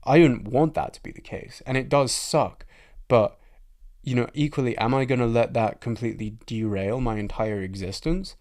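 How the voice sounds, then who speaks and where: A man's voice: medium pitch, normal speed, darkish tone. A man hosting a podcast, talking in casual chat, frank and reflective, swearing freely. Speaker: podcast host.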